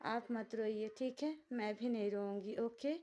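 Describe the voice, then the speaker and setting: A woman's voice: fairly high pitch, measured pace, dark tone, close to an everyday voice. A woman voicing a frightened, tearful young wife who pleads in a shaky, raised voice.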